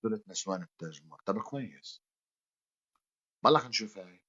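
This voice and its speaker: A man's voice: lowish voice, expressive, fast talker, fairly bright tone, highs cut off. A man hosting a casual live stream, bantering with and teasing his viewers. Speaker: livestream host.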